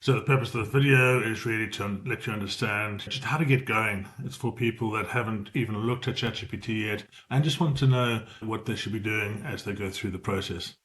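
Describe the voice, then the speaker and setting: His voice is lowish and a bit bright, running a little fast with few pauses. He's a middle-aged South African presenting a casual screen-share tutorial, explanatory, informal, and self-correcting as he talks.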